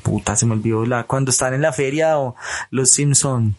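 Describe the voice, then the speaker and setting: A man's voice: mid-range voice, normal speed, a little mellow. A young man with a Bogotá Colombian accent telling a story in casual chat, slangy and repeating phrases for suspense. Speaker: podcast co-host telling a story.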